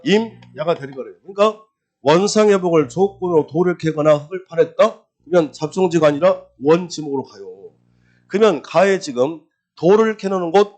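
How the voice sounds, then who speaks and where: Lively male lecturer drilling exam terms. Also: a little high. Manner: quizzes students with rhetorical questions and answers them himself; repeats key terms in a singsong drill. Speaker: real estate law lecturer.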